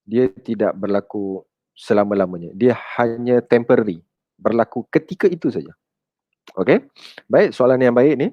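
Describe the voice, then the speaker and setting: This man, who has a Malaysian Malay accent, delivers a chatty counseling session and answers questions from the audience, addressing them as children and using English words here and there. His medium-pitched voice is animated, at a moderate pace with long pauses, and the audio is dull with no room sound.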